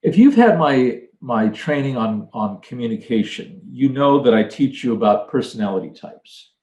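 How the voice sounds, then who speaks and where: Older man, mid-pitched voice, earnest coach, echoey room. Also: animated, normal speed, darkish tone. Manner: earnest, storytelling with acted quotes. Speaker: leadership trainer. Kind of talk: motivational talk.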